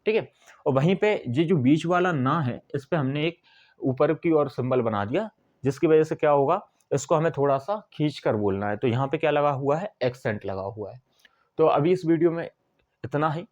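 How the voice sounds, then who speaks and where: A man teaching English basics in a whiteboard lesson, explaining step by step and drawing out syllables slowly. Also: on the high side, animated, darkish tone, lo-fi sound.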